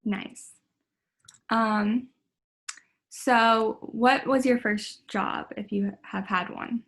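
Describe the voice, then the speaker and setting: A woman's voice: fairly high pitch, steady tone, very slow, a bit bright. A young woman running a student clinical interview, friendly and tentative, with frequent ums.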